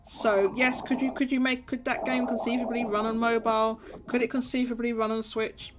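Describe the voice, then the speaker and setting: A woman's voice: a little high, little pitch movement, normal speed, over music. A woman co-hosting a gaming podcast, talking in casual chat and repeating herself emphatically when worked up. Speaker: podcast co-host.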